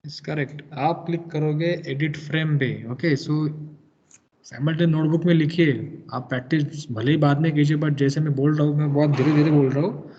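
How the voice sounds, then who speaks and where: A male engineering lecturer walks students through software commands, switching between Hindi and English and pressing the class for answers. His voice sits a little high. The recording is dull and lo-fi. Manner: patient, mixes English into Hindi, quizzes students.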